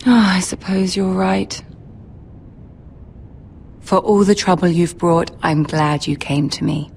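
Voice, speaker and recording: An actress playing a poised, commanding young noblewoman in a video game drama, formal and measured. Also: lowish voice, little pitch movement, gravelly, a little mellow, slight background noise. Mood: wistful. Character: poised, commanding young noble lady, betrothed future queen.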